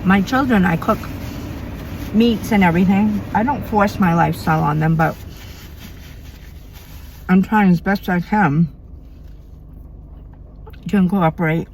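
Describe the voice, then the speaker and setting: At night at home, a middle-aged woman from Maine, USA, makes a mukbang video, chatting casually and eating between her sentences. Her fairly low, darkish voice stays steady and a little slow, with long pauses. A slight hiss or hum can be heard.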